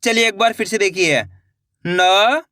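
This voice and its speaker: A man's voice: sits high, fairly even intonation, moderate pace, bright, forceful tone, dry recording, studio quality. A man teaching Hindi reading, sounding out each letter before reading the whole word, and encouraging his viewers. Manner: encouraging, addresses viewers as friends. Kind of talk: slow spelled-out reading lesson.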